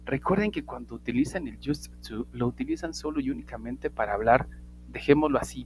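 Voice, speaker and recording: A man's voice: medium pitch, slight background noise. A man giving a casual spoken English lesson, wandering into asides and restarting his sentences. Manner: talks around the point, restarts and asides. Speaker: English teacher.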